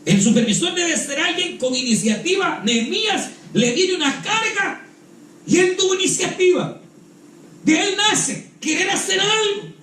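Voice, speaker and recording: At a church retreat in a church hall, a man preaches fervently, repeatedly calling out "hermano" and "aleluya" and repeating words while searching for the next ones. His voice is very high-pitched and fairly bright, with lively intonation and a measured pace, recorded from a distant mic in an echoey hall.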